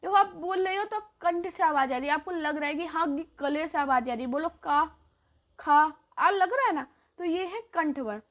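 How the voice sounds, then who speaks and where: A woman teacher giving a grammar lesson who asks questions and answers them herself, repeats each point and draws out the sounds slowly. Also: high-pitched, lo-fi sound.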